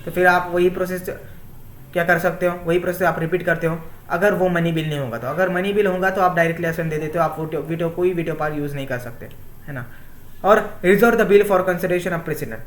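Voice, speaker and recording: Man, Indian accent, high-pitched, echoey room, repetitive lecture tone. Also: steady tone, fast, slight background noise. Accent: Indian English. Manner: repetitive, often asks "my friends" and "है ना". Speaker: teacher. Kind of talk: exam-prep lecture mixing Hindi and English.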